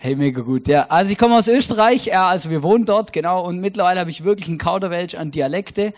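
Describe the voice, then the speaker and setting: A man's voice: sits high, quick pace. A young man from Germany preaching a sermon in a casual, chatty way, with many fillers and restarts.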